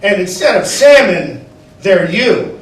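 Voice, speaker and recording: A man's voice: high voice, slow pace, distant mic, exaggerated voice. A man doing a rambling homeless theorist. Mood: excited. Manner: excited, rambling. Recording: roomy club recorded from afar. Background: audience laughter.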